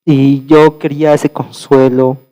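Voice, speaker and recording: A young man shares a heartfelt church testimony. His voice is mellow and warm. He often stumbles and repeats words as he speaks. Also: mid-range voice, flat delivery, a little slow, low-quality recording. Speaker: church member giving testimony. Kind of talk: personal testimony in a church sermon.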